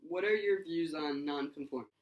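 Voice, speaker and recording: A man's voice: fairly high pitch, brisk, low-quality recording. A young man hosting a mock interview in an amateur school skit, asking questions with hesitant uhs.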